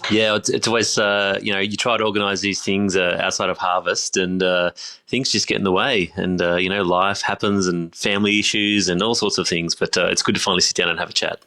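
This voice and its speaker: A man with an Australian accent, a winemaker talking as a podcast guest, halting, full of fillers and restarts. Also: sits low, steady tone, pushed and bright. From Griffith, New South Wales, Australia. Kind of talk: casual interview chat.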